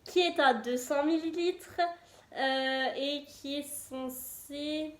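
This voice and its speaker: A young woman chats casually and enthusiastically as a beauty vlogger, her high-pitched voice steady in tone, drawing out her words and using lots of fillers. The room sounds echoey.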